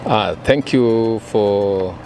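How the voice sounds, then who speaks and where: An older man with a Kenyan accent, a chairman being interviewed outdoors at a car market, speaking in slow, measured phrases with pauses. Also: fairly low pitch, darkish tone. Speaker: association chairman. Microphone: handheld mic held by interviewer. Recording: outdoor recording with music in background.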